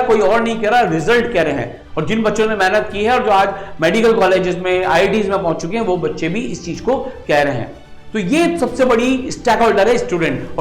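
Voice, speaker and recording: A middle-aged man, a veteran coaching teacher, giving an emphatic, persuasive motivational talk straight to students. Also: high-pitched. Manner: emphatic, persuasive, addresses listeners directly. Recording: echoey room with faint music. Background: faint music.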